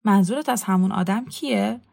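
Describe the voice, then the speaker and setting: A woman's voice: mid-range voice, creaky, a little mellow. A woman reading a weary, bitter reclusive man in a storybook, giving him curt, resigned replies.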